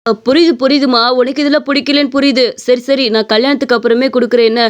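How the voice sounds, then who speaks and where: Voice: high voice, level tone, quick pace, natural voice. A voice actor playing a pushy thirty-five-year-old male shop owner in a cartoon story, coaxing and insistent. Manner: wheedling, persistent.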